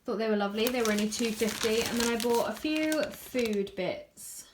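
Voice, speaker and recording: A woman's voice: a little high, normal speed, background noise. A young woman in her twenties chatting casually in a vlog, tired and out of breath, laughing often between fillers. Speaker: vlogger.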